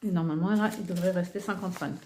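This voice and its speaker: Speaking in a lowish, darkish voice at a racing pace, a woman in her forties who vlogs about budgeting sorts her cash envelopes and counts the money out loud. Her chat is casual and hesitant, sprinkled with "euh" and "voilà," over faint background noise with rustling clicks.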